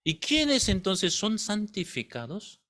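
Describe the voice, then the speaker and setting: A male pastor delivers a sermon as animated storytelling, often turning to quiz the congregation. His voice sits high, and his pitch rises and falls in wide, lively swings. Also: slow.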